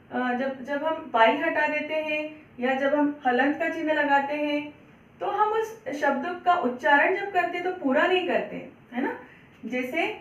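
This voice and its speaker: A woman's voice: high-pitched, echoey room, recorded from a distance, muffled recording. A woman teaching a Hindi class to young children, patiently spelling out words, asking questions and answering them herself. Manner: patient, repeats words slowly, asks and answers own questions. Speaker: primary school Hindi teacher. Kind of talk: children's online lesson.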